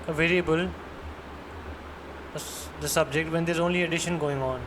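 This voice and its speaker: A man's voice: fairly high pitch, fairly even intonation, moderate pace. A man with a Pakistani accent giving an interactive one-to-one maths lesson online, encouraging and leading step by step with questions. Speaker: maths tutor. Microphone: computer mic on online screen-share call. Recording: noisy online lesson audio, background hum.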